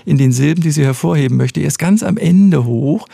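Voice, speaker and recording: A man, a professor of speech science, explaining in an interview in a measured, precise way. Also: on the high side, gravelly, mellow, slightly rough, no echo, studio quality. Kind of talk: expert interview answers.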